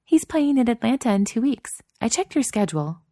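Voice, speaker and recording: A woman voicing a bubbly, excitable young woman in a romance audiobook, gushing and eager. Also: a little high, no room sound, studio quality, pitched above the performer's own voice. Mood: excited. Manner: eager, gushing, rushing her words. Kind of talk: audiobook character voice.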